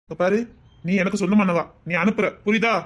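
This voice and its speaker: Acting in a web drama, a young man with a Tirunelveli Tamil accent plays a greedy, manipulative boyfriend who sweet-talks insistently over the phone, coaxing and constantly checking "understand?" His voice sits high with a steady tone, a little fast and close to how one speaks every day.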